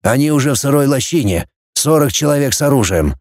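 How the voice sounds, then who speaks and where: A man's voice: medium pitch, lively intonation, fast talker, a little mellow, no room sound, studio quality. A man voicing a tense middle-aged male teacher who speaks in a clipped, strained way in an audiobook story.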